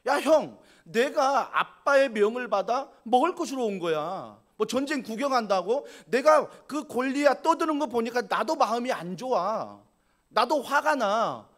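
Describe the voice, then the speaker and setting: A pastor acting out young David, the youngest brother. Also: male voice, very high-pitched, very animated, measured pace, fairly bright tone, full character voice. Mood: indignant. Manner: plaintive when excusing, heated when arguing.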